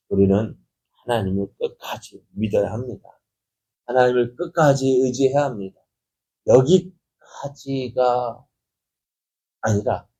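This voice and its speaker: A man's voice: medium pitch, warm tone, breathy edge, rough recording. A man preaching at an early morning church prayer service, asking his listeners rhetorical questions and then rising into sudden emphatic stresses. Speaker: pastor.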